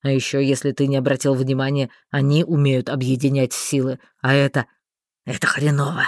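A woman's voice: a bass voice, flat delivery, a little fast, no echo, studio quality, pitched below the performer's own voice. A woman voicing a stern grown male mage who barks curt orders.

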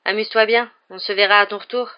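A reader voicing a teenage boy wizard who speaks in a brisk, awkward way. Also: medium pitch, fairly even intonation, lo-fi sound, pitched above the performer's own voice, close to an everyday voice.

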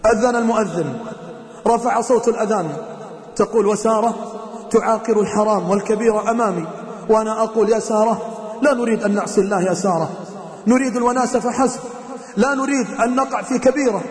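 A man preaching a sermon, telling a moral story dramatically and voicing its characters in a lower tone. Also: fast. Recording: echoey hall.

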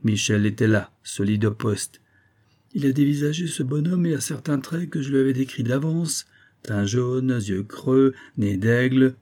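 A man voicing a cheerful, cocky male amateur detective, chatty and lively. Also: medium pitch, measured pace, natural voice.

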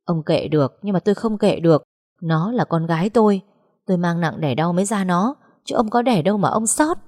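A woman's voice: lowish voice, animated, fairly quick. A woman voicing a worried, protective middle-aged mother in an audio story. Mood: defiant. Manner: pleading, sharp-tongued.

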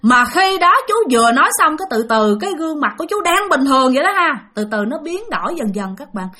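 A woman's voice: sits high, big pitch swings, fast, sharp tone. A woman narrating a ghost story in a chatty way, often speaking directly to her listeners.

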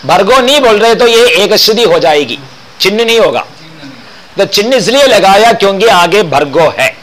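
High-voiced man teaching Vedic chant. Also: animated, a bit bright, rough recording. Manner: slow and deliberate, chants each line then explains. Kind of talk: chant lesson with explanation.

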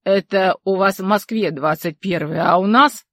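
A woman's voice: medium pitch, moderate pace, fairly bright tone, dry recording, lightly acted. A woman voicing a talkative old village man who tells local legends in an emphatic, rustic way. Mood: folksy storytelling. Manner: folksy, emphatic, rustic speech.

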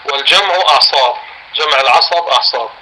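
A man with a Levantine Arabic accent giving a religious lesson in class. He reads a text slowly, explains it in everyday words and asks his students questions. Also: medium pitch, sharp tone, a little hiss or hum, poor audio. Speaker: religious teacher.

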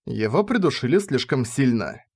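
A man reads a fantasy story aloud in steady, measured narration. His voice sits at a middle pitch and keeps an even, unhurried rhythm. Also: breathy edge. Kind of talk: scripted audiobook narration.

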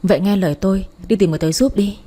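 A woman reading as a calm wounded young man. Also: mid-range voice, racing, breathy edge, lightly acted. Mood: gently insistent.

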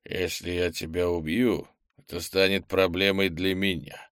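A man voicing an old blacksmith possessed by a soul-eating monster, speaking in a strange, distorted, alien voice that creaks slowly. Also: low voice, flat delivery, no room sound, clean studio sound. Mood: hesitant. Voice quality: creaking, slow and drawn-out. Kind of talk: audiobook character voice.

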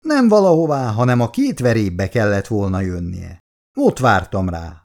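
A man's voice: mid-range voice, sing-song, a little mellow, pitched above the performer's own voice. A man voicing a jovial, roguish old family friend who teases and grumbles reproachfully. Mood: jovial teasing.

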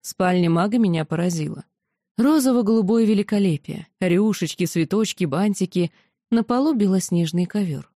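Low dark-voiced woman narrating an audiobook. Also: normal speed, dry recording, studio quality. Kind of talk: first-person audiobook narration.

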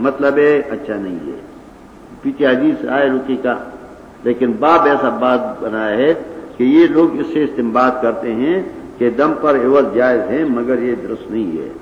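A man's voice: medium pitch, slight background noise. An older man with a Pashtun-accented Urdu, teaching scripture in a didactic, argumentative lecture and reciting Arabic passages. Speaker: Quran and hadith teacher. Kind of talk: religious lecture. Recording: echoey hall, dull lo-fi old recording.

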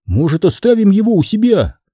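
A man's voice: sits high, huge pitch swings, a little fast, mellow, husky, no echo, clean studio sound, voice pushed up, full character voice. A man voicing an eager, raised-voice storybook boy. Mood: friendly. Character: worried boy, polite and excitable.

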